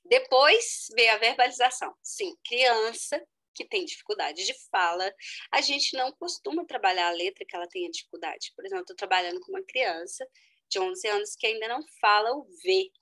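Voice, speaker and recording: Bright-voiced woman giving an online lecture. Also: a little fast, low-quality recording. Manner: explanatory, addresses the audience as "gente", lively with sudden high exclamations. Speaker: educational psychologist giving a talk.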